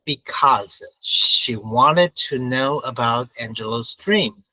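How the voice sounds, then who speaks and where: Bright-voiced man teaching a grammar lesson. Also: medium pitch, slow pace, no echo, poor audio. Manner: explains and repeats points with frequent uh and right. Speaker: English teacher.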